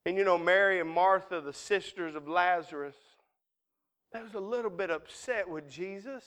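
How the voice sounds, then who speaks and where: A man's voice: high voice, normal speed, fairly bright tone. A man, preaching a folksy, conversational sermon and acting out Bible scenes in everyday dialogue.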